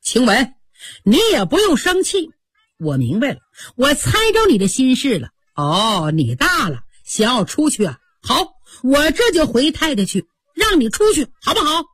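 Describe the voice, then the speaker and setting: A woman's voice: high voice, big pitch swings, moderate pace, slightly rough, no room sound, exaggerated voice. A woman voicing a hot-tempered pampered young nobleman in a storybook tale, curt and scolding.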